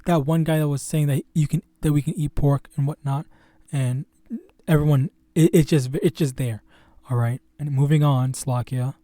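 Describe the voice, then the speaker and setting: Halting, stammering man teaching scripture. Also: on the high side, steady tone, mellow, no room sound. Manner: halting and stuttering, heavy with fillers. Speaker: host of a religious teaching channel.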